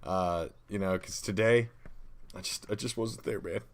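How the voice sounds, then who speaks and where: A man's voice: deep voice, fairly even intonation, normal speed. A man co-hosting a podcast, brainstorming in casual chat, rambling and self-deprecating. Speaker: podcast co-host.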